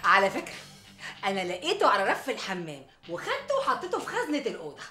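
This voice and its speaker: A woman's voice: mid-range voice, huge pitch swings, quick pace, sharp tone, faint music behind. An actress playing a scheming middle-aged mother in an Egyptian Arabic sitcom, coaxing her daughter with sugary words and nervous laughs. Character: scheming, flustered mother hiding a secret marriage. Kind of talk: sitcom acting. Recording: roomy set sound.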